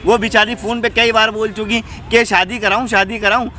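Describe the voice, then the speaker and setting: A man's voice: high voice, little pitch movement, moderate pace, bright, forceful tone, a little hiss or hum. A man playing an aggrieved son in a staged street confrontation, indignant and angry.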